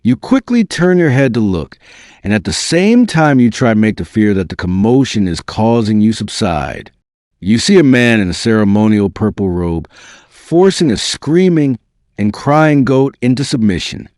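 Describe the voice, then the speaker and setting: A man reads a book excerpt as dramatic scripted narration, using a fairly low voice at normal speed. His pitch shifts in a very animated way between phrases. The recording is dry and close, with no room sound.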